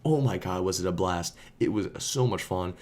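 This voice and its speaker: A man's voice: low voice, moderate pace, darkish tone. A man casually telling a story, rambling with lots of fillers. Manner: rambling, filler-heavy, laid-back. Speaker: storyteller and vlogger.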